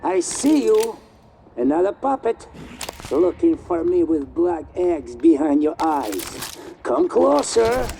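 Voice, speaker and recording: A man's voice: fairly high pitch, very animated, slow pace, vocal fry, warm tone, a little hiss or hum, heavily acted. An actor playing a deranged, paranoid and menacing man who taunts intruders in a video game, speaking erratically. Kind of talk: video game character acting.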